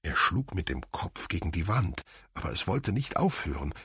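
A man reading an audiobook in a measured, even scripted narration. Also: sits low, husky, no room sound, clean studio sound.

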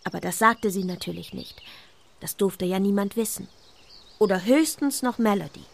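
A woman narrating a children's story in a calm, expressive storytelling manner. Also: medium pitch, normal speed, creaky, a little hiss or hum.

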